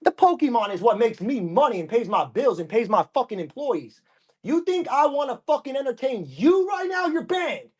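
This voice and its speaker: A man's voice: very high voice, big pitch swings, moderate pace, slightly rough. A man on a livestream selling cards, ranting aggressively and swearing at viewers. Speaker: live-stream card seller. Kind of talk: angry livestream rant.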